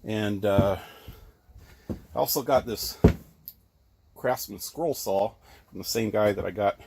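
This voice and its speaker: A man with a fairly low, vocal-fry voice speaks slowly as he gives a loose, talkative tour of his tiny outdoor woodworking shop, stumbling over ums and self-corrections. He's slightly breathless, and the handheld-camera recording at an RV park among trees has heavy background noise.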